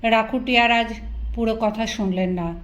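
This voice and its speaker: A woman storyteller narrates a novel in a measured, expressive reading. Her voice sits somewhat high for a woman, and she keeps a steady storytelling delivery. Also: muffled recording.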